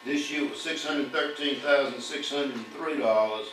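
An older man reads a formal financial audit aloud to a town council from a podium, steadily reciting long lists of numbers with some fillers. He speaks at medium pitch and moderate pace with a fairly bright tone. Audio from a podium mic and far camera sounds distant, echoey and humming.

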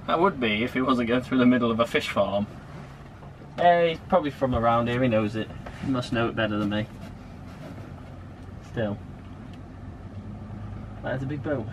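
A man's voice: normal speed, long pauses. Dry, grumbling man on deck. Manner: dry, sardonic, low-key grumbling. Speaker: sailing vlogger, skipper. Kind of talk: casual chat. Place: outdoors in a sailboat cockpit. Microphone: camera mic from a short distance. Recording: outdoor wind and boat noise.

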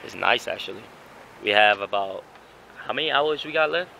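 A man's voice: fairly low pitch, lively intonation, moderate pace, gravelly, sharp tone, poor audio. A young man in a casual road-trip vlog, talking loosely in slang to a handheld camera in a car and on the street. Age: young adult. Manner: loose slangy talk with frequent laughs. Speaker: vlogger. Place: car, gas station and city streets outdoors. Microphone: handheld camera at arm's length. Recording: street and car noise behind.

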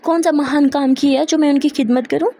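Hot-tempered shy young woman, voiced by a woman storyteller; dark, fry-edged voice. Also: sits high, steady tone, a little fast, voice pushed up. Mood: angry. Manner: indignant, bristling.

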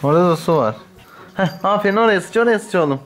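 A man chats casually in a home vlog, his voice pitched a little above the usual. He keeps a playful, laughing tone, teasing and scolding a puppy that won't stop biting him. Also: lively intonation, quick pace, soft background music. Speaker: vlogger playing with his new puppy. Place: at home indoors.

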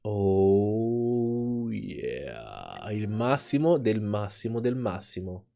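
Slow-talking man reacting to his game. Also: fairly low pitch, gravelly. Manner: animated reactions with laughter. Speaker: let's play host. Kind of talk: gaming commentary.

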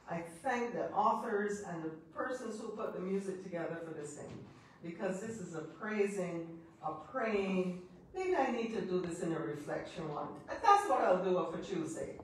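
A middle-aged woman priest with a Barbadian accent and a medium-pitched voice preaches from the pulpit of a church sanctuary, with slight background noise. Chatty, she laughs and teases the congregation between points of her sermon. A far-off camera captures it, so the church sounds echoey and distant.

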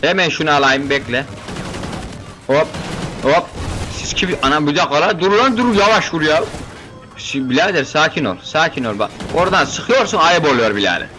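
A young man commentating his own game playthrough, joking, excitable and chatting to the characters on screen. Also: a little high, a little fast, music in the background. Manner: keeps saying "brother" as a filler. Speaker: gaming video host.

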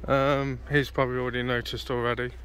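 Filming on his phone at an outdoor car show on the grass, a British vlogger chats away in a matey, unscripted style. He talks fast in a mid-range voice with little pitch movement, fairly bright and clean in tone.

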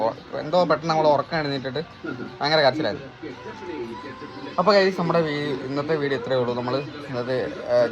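A man's voice: mid-range voice, highs cut off. A man filming a casual family vlog at home, chatting to his viewers as guys and often tagging his lines with "you know.". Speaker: family vlogger.

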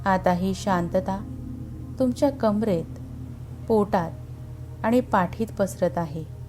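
Very slow, mellow woman guiding meditation. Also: mid-range voice. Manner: calm, soothing, unhurried with long pauses. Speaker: guided meditation narrator. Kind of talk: slow guided meditation narration. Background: background music.

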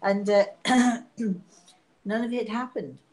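Streaming live from her living room, a psychic medium in her sixties rambles warmly in a raspy, sick voice, coughing as she goes. Her mid-range voice moves slowly, and she's chatty, laughing, and self-mocking, picked up by a home tablet camera at arm's length.

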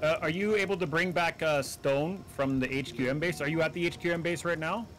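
A man in casual voice chat during a team game, halting with many "uh"s as he directs his teammates. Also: on the high side, fairly bright tone, slight background noise. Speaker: gamer on voice chat.

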